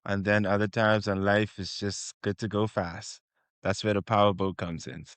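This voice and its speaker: A man, answering interview questions as a guest surveyor in a measured, plain-spoken way. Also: on the low side, level tone, clear, resonant tone, no echo. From Bahamas.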